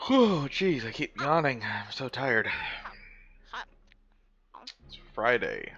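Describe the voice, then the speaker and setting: A man's voice: medium pitch, big pitch swings, slow, gravelly, pushed and bright. A man hosting a gaming video, teasing his brother with playful, sing-song commentary as they play. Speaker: gaming channel host. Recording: slightly dull audio with faint music.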